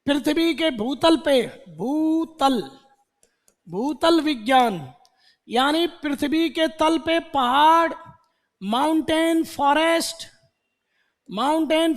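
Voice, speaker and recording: High-voiced man teaching in a reverberant hall. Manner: quizzes students with repeated questions. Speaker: English teacher. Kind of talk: classroom vocabulary lecture.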